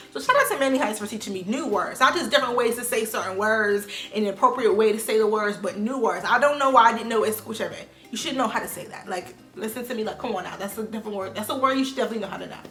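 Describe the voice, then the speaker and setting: A young woman vlogging casually to camera, animated and slangy, jumping between loud outbursts and quiet asides. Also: a little high. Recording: echoey room with faint music.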